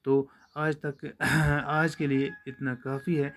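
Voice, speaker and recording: A man's voice: on the high side, level tone, a bit bright. Patient man teaching a grammar lesson. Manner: patient, repetitive explaining. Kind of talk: classroom lesson for children.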